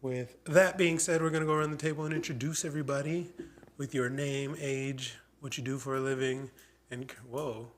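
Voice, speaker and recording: A man in his thirties hosts a casual podcast chat at an ordinary pitch. He talks loose and jokey, swearing freely, with a faint hum of ambience under him. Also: fairly even intonation, fairly quick. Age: 30s. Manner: loose, profane, joking. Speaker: podcast host.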